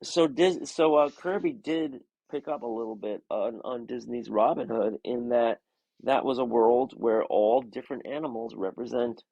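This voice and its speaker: A man's voice: medium pitch, normal speed, creaky, dark tone, dry recording, rough recording. A man co-hosting a comics chat show and talking casually, rambling with lots of filler words. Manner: rambling, many "you know" fillers. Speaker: comics podcast co-host and art teacher. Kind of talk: casual conversation.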